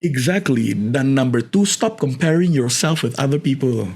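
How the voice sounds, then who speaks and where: A man's voice: mid-range voice, lively intonation, unhurried, darkish tone, husky. A man talking as a podcast guest, telling stories and giving advice, often dropping English phrases into his speech and laughing as he goes. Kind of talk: conversational storytelling and advice.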